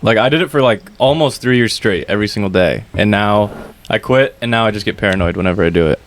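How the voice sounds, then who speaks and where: A man's voice: lowish voice, fast, slight background noise. A young man co-hosting a podcast, telling loose, profane stories in casual chat. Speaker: podcast co-host.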